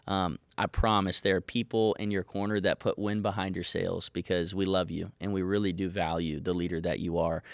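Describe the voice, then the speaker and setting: A male interview host with a somewhat low voice sums up the discussion and speaks affirming words to his listeners. His tone is encouraging and steady. The sound is close and dry. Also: no room sound. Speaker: podcast host. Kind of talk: interview hosting.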